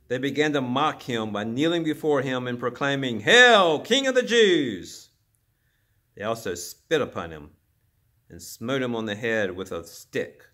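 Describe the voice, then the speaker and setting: A man reading scripture aloud at a church service, solemn and dramatic, raising his voice for the crowd's shouts. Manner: dramatic, voicing the crowd's shouts louder and higher.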